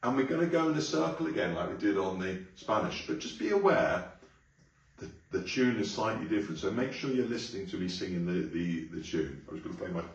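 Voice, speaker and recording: A man's voice: sing-song, recorded from a distance, highs cut off. Man teaching in a roomy space. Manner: encouraging, sings lines slowly and high, then explains. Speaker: music teacher. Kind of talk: classroom teaching video, talking and singing. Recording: very roomy, from away from the mic.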